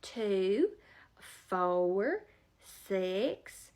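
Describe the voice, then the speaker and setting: A woman voicing a sweet, doting elderly female bank teller who speaks in a high, cooing voice and calls everyone honey. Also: very animated, extremely slow, darkish tone, full character voice.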